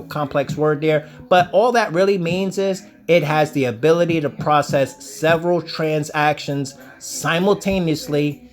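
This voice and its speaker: Self-assured man lecturing on crypto. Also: fairly high pitch. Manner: lecturing, repeats "ladies and gentlemen" and "okay?"; self-assured, calls himself the sensei. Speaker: crypto channel host. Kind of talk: screen-share crypto commentary.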